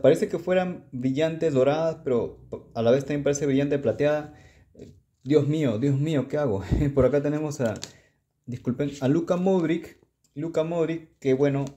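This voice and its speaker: A man's voice: a little high, dark tone. A man chatting casually as he shows off his sticker collection, often stumbling over foreign names. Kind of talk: casual show-and-tell.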